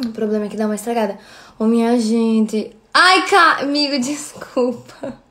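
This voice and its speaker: A woman's voice: fairly high pitch, animated, brisk, pushed and bright. A woman in her thirties with a Brazilian accent, chatting casually on a livestream and thanking viewers by name. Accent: Brazilian Portuguese. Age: 30s. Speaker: livestream host.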